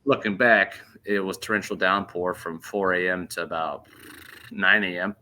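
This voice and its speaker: Man, 30s, podcast host, casual storytelling, low pitch, bright forceful tone. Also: moderate pace, a little hiss or hum. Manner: animated, laughing storyteller.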